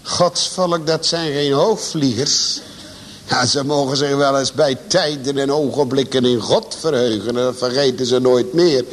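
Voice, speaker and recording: A man preaching a sermon to a congregation, swinging his pitch and volume for emphasis. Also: a little slow. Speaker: pastor. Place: church. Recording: long church reverb.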